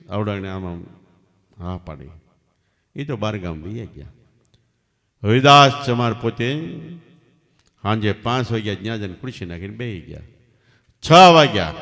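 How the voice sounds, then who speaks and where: A man giving a devotional storytelling sermon as a spiritual teacher, swinging sharply between loud and soft. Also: lowish voice. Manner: emphatic, rising and falling sharply in loudness. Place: large hall at night satsang. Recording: long hall reverb.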